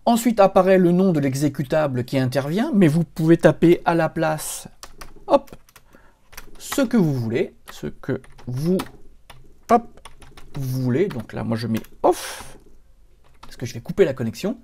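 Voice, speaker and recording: A man talks viewers through a computer tutorial step by step, chatty and loose, with frequent fillers. His voice is mellow and dark in tone, but his pitch swings widely as he points things out on screen. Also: sing-song, a little slow, long pauses. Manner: chatty, explains step by step with many fillers and "hop". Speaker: computer help tutorial host. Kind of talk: screen-recorded software tutorial.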